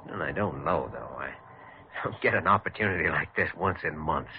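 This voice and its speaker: An actor playing a composed, good-natured doctor in an old radio drama. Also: male voice, extremely low pitch, lively intonation, normal speed, vocal fry, full character voice. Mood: easygoing. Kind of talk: 1940s radio drama acting. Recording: muffled, hissy old radio recording.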